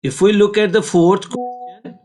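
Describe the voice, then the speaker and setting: Higher-pitched Pakistani-accented male teacher. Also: fairly even intonation, measured pace, darkish tone. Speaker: maths teacher. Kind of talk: step-by-step lesson explanation.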